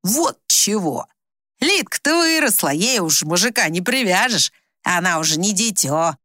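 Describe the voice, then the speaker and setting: A woman putting on a hoarse older village busybody, crude and scolding, pitch swinging widely, dry close sound. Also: very animated, measured pace, sharp tone, no echo, heavily acted. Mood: conspiring. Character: coarse bossy older village woman, scheming.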